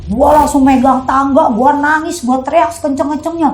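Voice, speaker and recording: A young woman, hosting a casual chat and telling a story in an animated, dramatic way. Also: high voice, normal speed, a little hiss or hum. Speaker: host. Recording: echoey room.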